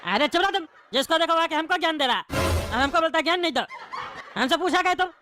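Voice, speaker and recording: A high, fast, bright voice voicing a grumpy, scolding bald male passenger on a train in a cartoon comedy. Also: expressive, slight background noise, full character voice. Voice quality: scolding, impatient.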